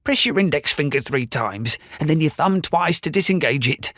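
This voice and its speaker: A man's voice: on the high side, animated, normal speed, fairly bright tone, no echo, pitched above the performer's own voice. Audiobook casting: a man playing a forgetful old tinkerer, patient and instructive, dry close read. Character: old male inventor, kindly, forgetful. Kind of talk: audiobook character voice.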